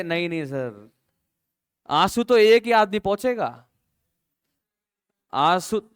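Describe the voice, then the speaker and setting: A man's voice: high voice, smooth. A male accounting teacher from India who explains through a silly story and keeps checking that students follow. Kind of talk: classroom lecture.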